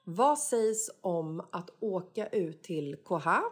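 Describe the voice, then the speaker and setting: A woman's voice: fairly low pitch, lively intonation, breathy edge. A woman co-hosting a casual podcast, chatting in an easygoing way and drawing out her explanations. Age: adult, mother. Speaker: podcast co-host. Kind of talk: casual chat.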